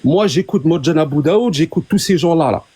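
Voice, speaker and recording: A man with a fairly high, mellow and husky voice speaks as a guest in a casual live debate. He explains insistently, often doubling back on his words. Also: lively intonation, fairly quick.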